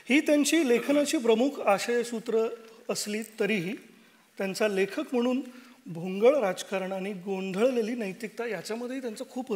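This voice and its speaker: High-voiced woman giving formal literary commentary. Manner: measured, analytical, with pauses. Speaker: literary panel speaker. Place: festival auditorium. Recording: long hall reverb.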